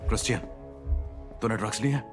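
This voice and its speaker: A man's voice: on the low side, fast, natural voice. A man dubbing a blunt, protective older brother who coaxes and presses in a drama. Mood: pressing. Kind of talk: dubbed drama. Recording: music clearly behind the voice.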